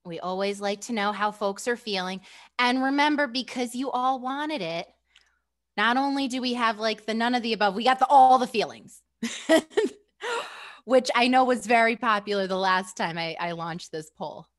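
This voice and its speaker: A woman's voice: on the high side, moderate pace. A woman hosting a school webinar over a video call, chatty and upbeat, laughing often and using lots of fillers. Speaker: webinar host for school staff. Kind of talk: casual presenting on a video call.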